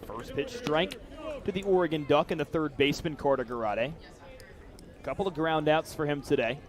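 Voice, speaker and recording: With a voice on the high side and a moderate pace, a young American man delivers live radio play-by-play of a baseball game. The broadcast comes from an outdoor stadium, so the crowd and ballpark atmosphere are audible throughout.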